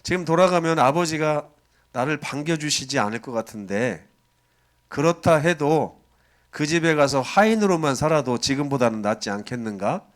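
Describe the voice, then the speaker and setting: A man's voice: on the high side, lively intonation, moderate pace, close to an everyday voice. A man voicing an ashamed younger son who pleads humbly to return home. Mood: regretful.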